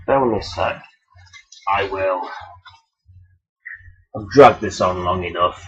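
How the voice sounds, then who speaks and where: Low-voiced, raspy man rambling through a review. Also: fairly bright tone. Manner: hesitant, rambling, self-deprecating; blunt, sweary. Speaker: toy reviewer. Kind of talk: casual rambling toy review. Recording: dull, lo-fi sound.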